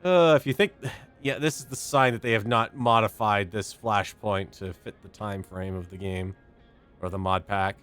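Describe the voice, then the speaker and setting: A man's voice: on the low side, normal speed, fairly bright tone, smooth. Wry male gamer over game music. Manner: wry, sardonic asides. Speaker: gaming host. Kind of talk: casual let's-play commentary, reading game text aloud.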